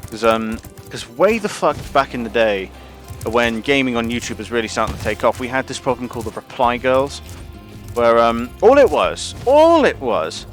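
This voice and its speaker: A man's voice: medium pitch, fairly bright tone. A man ranting casually and profanely on a gaming livestream, rambling with lots of restarts. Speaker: gaming streamer.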